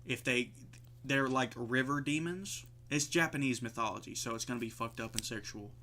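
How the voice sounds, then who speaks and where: A man's voice: mid-range voice, normal speed, pushed and bright. A man co-hosting a podcast in casual chat, rambling with lots of fillers and swearing freely. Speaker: podcast co-host.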